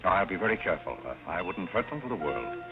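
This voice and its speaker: An actor playing a courteous, unflappable butler, trading 1930s screwball comedy banter with polite deadpan understatement. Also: male voice, deep voice, quick pace. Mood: gentle, polite. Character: courteous, dryly amused new butler, unflappable. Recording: thin tinny old film soundtrack, music behind.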